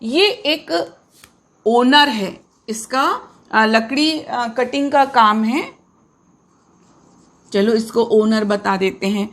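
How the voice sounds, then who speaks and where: A woman teacher, explaining grammar to pupils in a relaxed, repetitive way and asking them questions as she goes. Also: fairly high pitch, extremely slow, pauses often. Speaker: English teacher. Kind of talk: classroom lesson explaining grammar.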